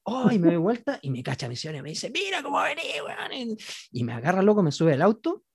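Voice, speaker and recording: A man's voice: fairly high pitch, very animated, quick pace, a little mellow, slightly rough, dry recording, clean studio sound. A married man with a Chilean accent, telling a comic story casually and slangily to friends, acting out quotes and laughing often. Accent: Chilean Spanish. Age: adult, married. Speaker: storyteller in a group chat.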